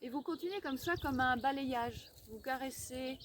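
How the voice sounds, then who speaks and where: A woman leading a guided listening meditation outdoors, giving gentle, unhurried instructions with pauses. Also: high-pitched. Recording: outdoor recording with clear birdsong noise. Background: birdsong, chirping, environmental noise.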